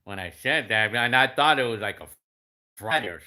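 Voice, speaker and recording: A man's voice: medium pitch, lively intonation, normal speed, pushed and bright. A fifty-year-old man chatting casually as he reads out viewer comments, rambling with many restarts and fillers. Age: 50s. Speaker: YouTube creator answering comments.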